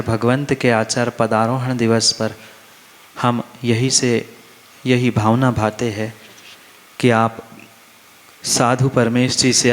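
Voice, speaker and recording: Inside a large hall at a religious festival, a Jain monk with a mid-range voice gives an emphatic sermon. He repeats phrases and asks the crowd questions, and the recording rings with a long reverb.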